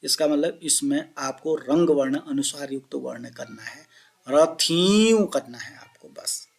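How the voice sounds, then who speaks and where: A man teaching Sanskrit pronunciation, explaining each point and chanting example words slowly while asking his pupils questions. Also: a little high, creaky. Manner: addresses listeners as children. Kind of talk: classroom explanation of Sanskrit phonetics.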